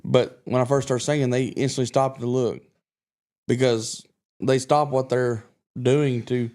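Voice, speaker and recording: A self-assured country singer raised in Kentucky chats casually as a podcast guest, rambling and restarting as he goes. His mid-range voice is a little mellow, with fairly even intonation and a measured pace.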